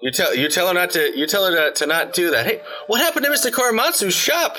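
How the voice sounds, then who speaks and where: Man doing a burly, booming village father. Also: animated, fast, sharp tone. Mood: friendly.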